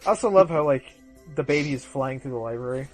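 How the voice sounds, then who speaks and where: A man's voice: mid-range voice, animated, fast, soft background music. A sleep-deprived man chatting casually as co-host of a fan commentary, animatedly mimicking characters as he talks. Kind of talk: casual chat. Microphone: home microphone.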